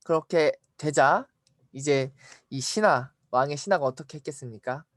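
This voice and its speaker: A woman preaching at a church education service, retelling a Bible story in an expressive way and asking the listeners questions. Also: low-pitched, normal speed, no echo, studio quality. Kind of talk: storytelling sermon.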